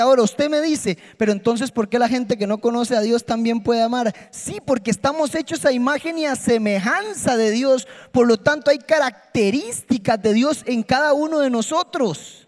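Male preacher, emphatic sermon, unhurried delivery, echoing hall. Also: extremely high pitch. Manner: impassioned, emphatic, swings between soft and loud. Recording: long hall reverb with faint music.

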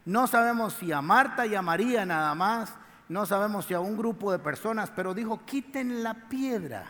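A man with a high voice preaches a sermon, retelling the story in loose, slangy language. His words ring out with a long echo in a church hall. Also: fairly quick. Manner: colloquial, lively storytelling with slang. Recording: echoey hall.

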